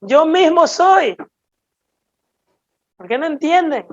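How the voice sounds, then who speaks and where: A woman preaching a sermon, teaching slowly and emphatically and checking in with her listeners as she explains scripture. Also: high-pitched, lively intonation, no echo, highs cut off.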